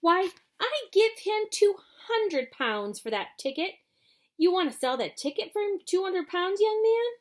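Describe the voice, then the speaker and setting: A woman voices a pushy woman in a storybook crowd, shrill and loud. She shouts her bids with indignant force. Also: very animated, unhurried, full character voice.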